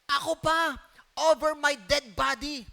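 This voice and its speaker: A boastful disciple swears he will never leave his teacher, as a male preacher acts him out in a sermon. The voice is high and bright, emphatic and quick to boast. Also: steady tone, gravelly, exaggerated voice.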